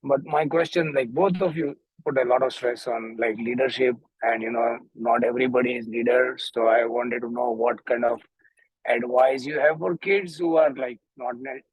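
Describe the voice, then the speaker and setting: A man's voice: medium pitch, moderate pace, slightly rough, no echo. A man calling in on a car speakerphone while driving, asking a polite question and restarting his sentences as he searches for words. His voice sounds somewhat distant from the mic. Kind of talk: call-in question at a school info session.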